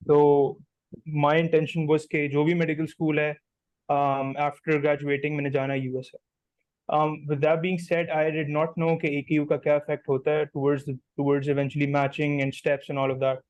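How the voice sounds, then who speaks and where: A young Pakistani-accented doctor in his twenties, newly matched, gives casual conversational answers as a guest, steady and measured, slipping Urdu phrases into his English. His voice is on the high side, with no echo but poor audio.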